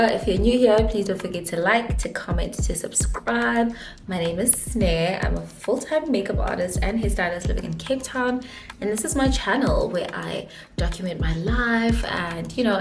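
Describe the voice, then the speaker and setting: A young woman with a South African accent, chatting casually through a storytime vlog, giggly and dropping in Zulu phrases while getting ready at home. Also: on the low side. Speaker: vlogger, makeup artist. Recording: echoey room.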